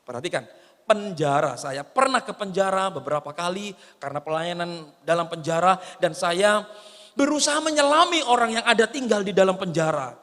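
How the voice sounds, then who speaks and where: A male pastor preaches in a high, bright voice. He moves between loud, lively exclamations and soft, low asides. His voice carries the long reverb of a large church hall. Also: normal speed. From Indonesia. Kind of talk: sermon.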